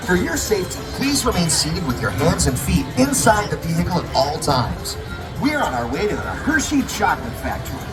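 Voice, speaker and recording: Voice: medium pitch, huge pitch swings, normal speed. An actor voicing a cheerful ride announcer, giving upbeat scripted instructions in the manner of an airport announcement. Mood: cheerful, instructing. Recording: echoey, distant, loud music behind.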